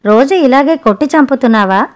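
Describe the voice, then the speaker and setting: A protective young mother, voiced by a woman storyteller, worried and earnest. Her voice sits somewhat high. It sounds like plain audiobook reading. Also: animated, a little fast. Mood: indignant. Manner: pleading, worried.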